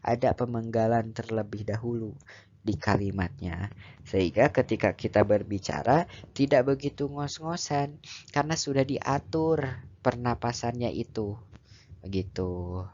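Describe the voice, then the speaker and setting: A man giving a calm, conversational lesson on public speaking, explaining step by step with casual fillers. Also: mid-range voice, a little slow, a little hiss or hum. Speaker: teacher. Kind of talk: educational lecture on public speaking. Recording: dull lo-fi recording.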